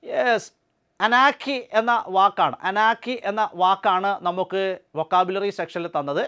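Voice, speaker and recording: Male exam tutor, high and smooth voice, slow careful reading of English examples between brisk explanations. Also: sharp tone. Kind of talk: exam answer walkthrough lecture.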